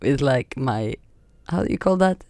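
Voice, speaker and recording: A woman's voice: rumbling low, animated, measured pace, a little mellow, no echo. A woman in her thirties co-hosting a podcast, chatting casually in a blunt, wry, self-mocking way. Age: 30s. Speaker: podcast co-host. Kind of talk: casual chat.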